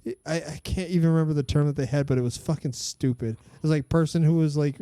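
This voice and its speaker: A man's voice: fairly high pitch, fairly even intonation, quick pace, dark tone, no room sound. A man hosting a podcast in casual chat, talking bluntly and swearing often. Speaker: podcast host.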